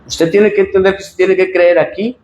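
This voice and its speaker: A Mexican pastor preaching a sermon, swinging from loud emphatic lines to low asides. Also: male voice, steady tone, fairly quick, echoey room, a little hiss or hum, poor audio.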